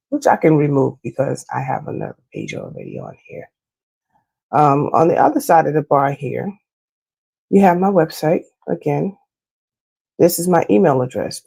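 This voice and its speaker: A hoarse woman, a loctician, gives a chatty and explanatory screen-share walkthrough of her website for her clients. She uses frequent fillers. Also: deep voice, mellow.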